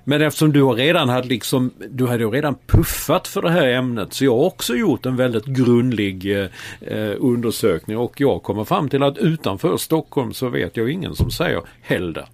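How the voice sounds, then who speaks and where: A male co-host with a creaky, mid-pitched voice in casual conversation. He rambles and doubles back, often leaving a thought half finished. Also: animated, dry recording. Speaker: podcast co-host.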